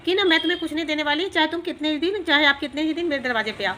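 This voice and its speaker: A woman's voice: sits high, very fast, pushed and bright, slight background noise, voice pushed up. A woman voicing a stingy, bad-tempered old village woman in a told story, snapping and scolding. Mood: indignant.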